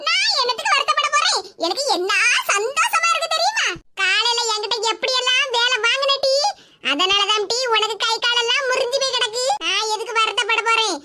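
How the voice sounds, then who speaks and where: A voice actor playing a scheming older village mother-in-law in a cartoon, gloating and scolding loudly. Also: extremely high pitch, animated, normal speed. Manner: gloating and scolding, loud complaints. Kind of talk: cartoon voice acting. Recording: loud background hiss.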